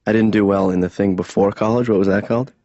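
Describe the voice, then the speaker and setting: A man's voice: fairly low pitch, no room sound, lo-fi sound, close to an everyday voice. A man playing a stammering, reluctant grown son. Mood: grumbling. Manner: halting, stammering, flat deadpan. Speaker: adult son. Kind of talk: deadpan animated sitcom dialogue.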